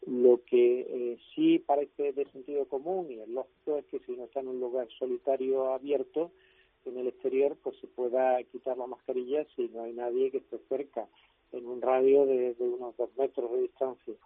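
A man, a doctor and author, explaining things calmly and in a measured way during a radio phone interview. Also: mid-range voice, dry recording. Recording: dry tinny phone line.

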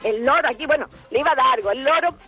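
A woman's voice: sits high, very fast, a bit bright, soft background music, poor audio. A woman, telling a story as a caller on a radio show and acting out the voices of the people in it. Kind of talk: phone-in anecdote on a radio show.

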